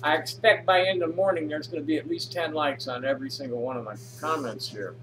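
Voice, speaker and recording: Brisk and fairly high-pitched, a man from North America casually reads out posts and reacts to them, rambling, restarting often and using fillers, against a noisy background.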